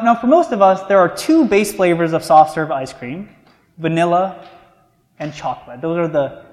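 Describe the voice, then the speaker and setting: A man preaching a sermon, telling a story in a conversational way and then slowing down to stress key words. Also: on the high side. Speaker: pastor. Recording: echoey church hall.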